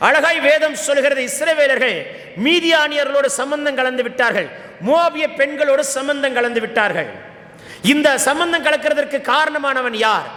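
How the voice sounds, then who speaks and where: A man's voice: very high voice, sharp tone. A male preacher with a Tamil Nadu accent, exhorting a congregation and calling on them to repeat after him. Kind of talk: Tamil Pentecostal sermon. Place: large church hall. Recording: echoey hall with long reverb.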